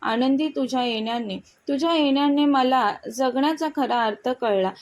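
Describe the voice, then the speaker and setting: A tender young husband speaks softly and coaxingly, read by a woman narrator. The voice sits a little high. He sounds gentle and affectionate. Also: moderate pace, muffled recording, lightly acted.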